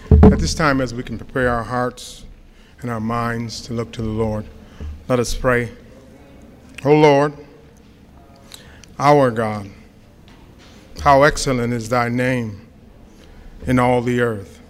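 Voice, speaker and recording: A man, a pastor, leading a public invocation in a reverent, declamatory way, phrase by phrase. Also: medium pitch. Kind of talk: public prayer, church invocation. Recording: echoey hall with background noise.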